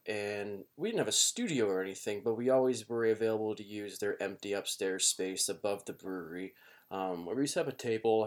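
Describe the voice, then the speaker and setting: Low-voiced man, casual podcast host. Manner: rueful, apologetic. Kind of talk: casual spoken podcast intro. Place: indoors, in a home basement.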